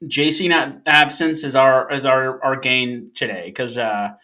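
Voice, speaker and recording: A man's voice: mid-range voice, steady tone, a little slow, sharp tone. A man from Oklahoma hosting a casual podcast, easygoing and joking. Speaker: podcast host.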